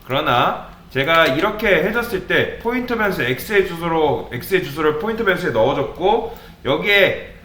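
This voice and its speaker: A programming instructor with a sharp, somewhat high voice gives a coding lecture in an echoey room. He asks viewers questions and then answers them himself.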